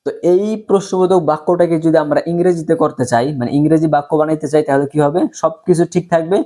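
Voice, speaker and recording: A man teaching an English lesson in a slightly higher voice, going over each point patiently and repeating it. He says the example sentences very slowly and keeps checking that his students follow. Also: steady tone, mellow. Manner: slow, repetitive explaining with frequent check-ins.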